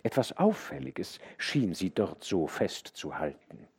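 A man reading a classic novella aloud as an audiobook narrator, slow, expressive and atmospheric. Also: low-pitched, creaky, slightly rough.

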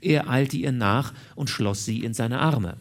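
A man narrating a classic novel as an audiobook in an expressive, dramatic manner. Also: medium pitch, measured pace. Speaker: audiobook reader.

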